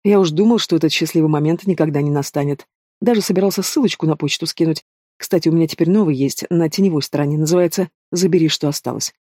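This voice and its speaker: A man's voice: fairly high pitch, quick pace, darkish tone, no room sound, studio quality, close to an everyday voice. A man voicing a sneering young male villain in an audiobook, taunting and drawling with casual menace. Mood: scornful. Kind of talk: audiobook character voice.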